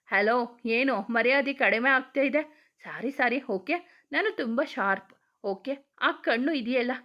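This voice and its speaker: A woman's voice: a little high, takes it slowly, highs cut off. A woman narrating a romance story, voicing every character herself with emotional, chatty delivery. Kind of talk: dramatic romance story reading.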